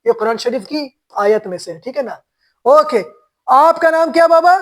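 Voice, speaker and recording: A man's voice: very high-pitched, expressive. A man teaching a classroom recitation lesson, spelling syllable by syllable and calling on pupils to correct them. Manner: slow, drawn-out syllable-by-syllable spelling. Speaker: Quran teacher.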